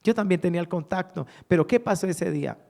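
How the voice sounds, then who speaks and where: A man's voice: high voice, fast talker, creaky, dark tone. A male pastor preaching a sermon, telling a personal story with emotion and acting out the people he quotes. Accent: Colombian Spanish. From Colombia. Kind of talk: sermon testimony.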